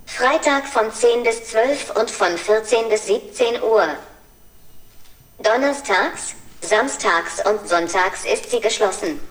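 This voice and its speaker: Chirpy cheerful robot, synthetic female voice, polite library guide, roomy echo, off-mic. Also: fairly high pitch. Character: cheerful friendly humanoid robot with a woman's voice. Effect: synthetic text-to-speech voice. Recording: echoey room, voice from a distance.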